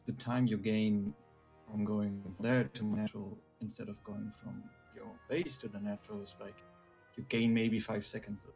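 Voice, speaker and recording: A man's voice: fairly low pitch, flat delivery, normal speed, vocal fry, darkish tone, soft background music. A man from Germany explaining strategy as a guest player, often checking in with "right?". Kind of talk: casual game analysis.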